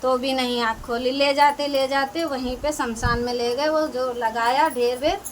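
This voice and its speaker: High-voiced woman telling a folk tale. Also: fairly even intonation, moderate pace, slight background noise. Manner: homely, repetitive, frequent "he said". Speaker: storyteller. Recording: distant mic, crowd around.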